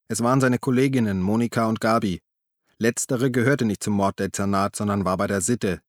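A man narrates an audiobook in a calm, even storytelling manner. His voice sits low. The recording is close and dry, with no room sound. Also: brisk, no echo. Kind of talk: scripted narration.

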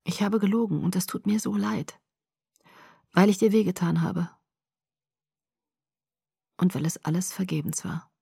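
A woman voicing a brooding, remorseful young male vampire in an audiobook, speaking softly and often in a whisper. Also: lowish voice, measured pace, creaky, pauses often, husky, no room sound, clean studio sound, exaggerated voice. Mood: apologetic. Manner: soft, often whispered, pleading. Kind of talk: audiobook reading.

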